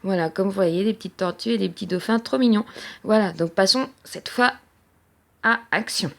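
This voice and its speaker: Chatty woman with a gravelly voice. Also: mid-range voice, moderate pace. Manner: chatty, hesitant with many fillers. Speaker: crafting vlogger. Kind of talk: casual haul show-and-tell. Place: at home.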